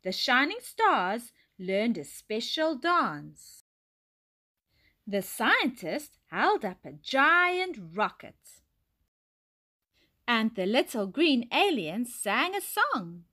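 A woman teacher reading a children's storybook aloud, expressive, slow and clear. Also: fairly high pitch.

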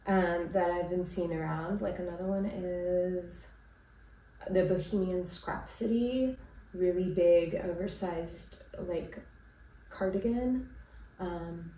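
Recorded by a distant camera in a small room at home, the audio is roomy and far off, with a little hiss or hum. The speaker, a sick, congested woman in her thirties with a fairly low pitch, hosts her knitting podcast, chatting casually to camera and rambling in a relaxed way with many ums and likes.

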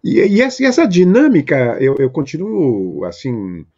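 A hesitant man interviewer whose words come in stops and restarts as he searches for phrasing. His voice is husky and breathy, with a lively rise and fall. The recording sounds dull and lo-fi. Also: a little high, normal speed. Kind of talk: conversational interview.

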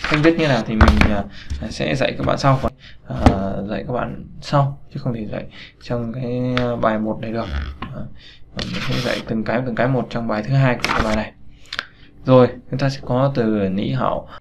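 A man teaching a language lesson in a casual, halting way, with many fillers and repeated words. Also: medium pitch, gravelly. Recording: dull lo-fi recording with faint noise.

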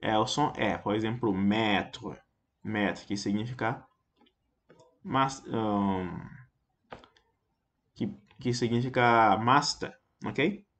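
A man's voice: lowish voice, slow, long pauses, a bit bright. A man teaching a basic French pronunciation lesson, repeating example words and checking in with frequent "ok?". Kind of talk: explanatory language lesson.

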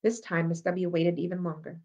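As a library storyteller, a woman reads a children's novel aloud expressively in a lowish, mellow voice. Her tone is level and her pace brisk. The lo-fi audio sounds dull.

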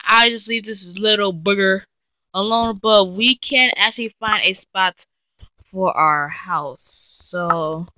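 A woman giving casual, chatty gameplay commentary, talking straight to her viewers and getting excitable and easily frightened as she plays. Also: medium pitch, no room sound. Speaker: let's play gamer.

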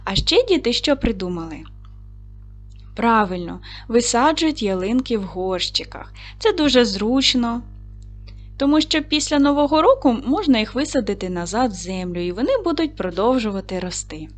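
A woman teaching a recorded primary school lesson, patiently asking questions and slowly spelling out sounds and syllables. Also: a little high, animated. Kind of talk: recorded video lesson for children.

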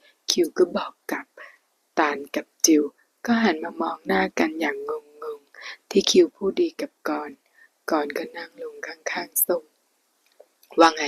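A woman reading a novel aloud in a soft, hushed way. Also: on the low side, fairly even intonation, unhurried, vocal fry, poor audio. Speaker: narrator.

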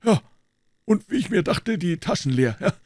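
A man voicing an old male doctor who speaks in a calm, persuasive, clinical way. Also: high-pitched, normal speed, dry recording, studio quality, voice pushed up.

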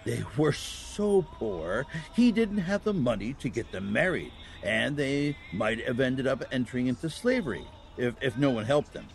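Man playing kindly old Santa Claus, gravelly and animated. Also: medium pitch. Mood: warm, reflective. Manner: gently halting, chuckling storyteller. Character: kindly, patient old Saint Nicholas as Santa. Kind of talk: family audio drama acting.

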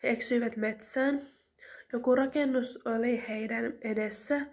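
A woman's voice: on the high side, steady tone, darkish tone. A woman reading a homemade story aloud in a simple, plain storytelling manner.

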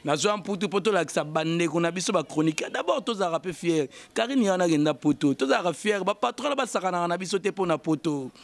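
A man's voice: sits high, animated, fast talker, few pauses. A man giving emphatic commentary, repeating phrases and chanting fillers. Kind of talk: animated commentary mixing Lingala and French.

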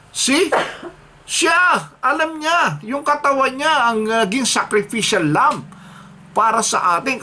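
Bright-voiced preacher man. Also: high-pitched. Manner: switches between Tagalog and English, reads scripture aloud; emphatic, repeats key phrases. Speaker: pastor. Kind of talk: sermon.

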